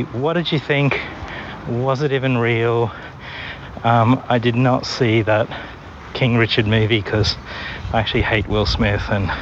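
A tired Australian man leaving a wry, teasing voicemail message while walking home outdoors. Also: medium pitch. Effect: voicemail message played back. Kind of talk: casual joking chat. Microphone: phone. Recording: dull voicemail with loud traffic noise. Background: street and vehicle noise.

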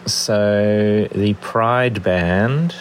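Australian man, voice message, rambling and chatty, fairly low voice, faint background hiss. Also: very slow. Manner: rambling, chatty, thinks aloud while browsing. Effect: recorded voice message played on the show. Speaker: listener calling in. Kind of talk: casual voicemail chat.

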